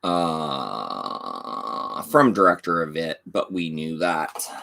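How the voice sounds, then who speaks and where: This channel host, slowly losing his voice, reads DVD back covers and chats about what he owns, with low-key asides. He speaks very slowly and expressively, his voice creaky, pushed and bright, with a little hiss or hum in the recording.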